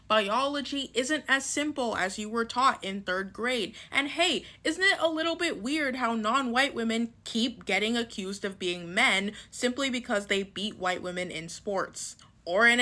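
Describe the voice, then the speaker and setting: Woman commentator, bright and forceful voice, exasperated and sarcastic. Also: on the high side. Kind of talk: social media commentary.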